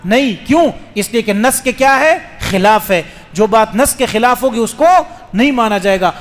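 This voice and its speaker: A man's voice: sits high, in a large hall, a little hiss or hum. A man giving a religious lecture as a mufti, questioning his listeners and explaining rules patiently. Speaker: mufti preacher.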